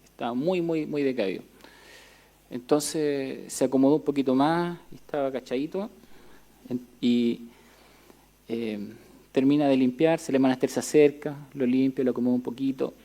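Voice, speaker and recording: Mellow-voiced pastor preaching. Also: male voice, mid-range voice, normal speed. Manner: conversational, hesitant with many fillers, reads scripture steadily. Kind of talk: sermon with personal story and scripture reading. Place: church.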